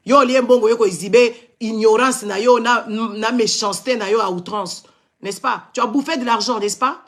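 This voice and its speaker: A man's voice: very high-pitched, moderate pace, fairly bright tone. A man from Congo with a Congolese French accent, ranting angrily in a live stream, scolding and switching into Lingala. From Democratic Republic of the Congo. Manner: angry and confrontational, repeated scolding exclamations; switches between French and Lingala mid-sentence. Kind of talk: heated live-stream rant.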